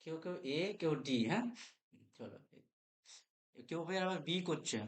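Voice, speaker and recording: Man, Bengali accent, grammar teacher running a live class, spells out words, voice a bit high. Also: normal speed. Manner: checks in with students often, spells words letter by letter. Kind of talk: live online class lecture.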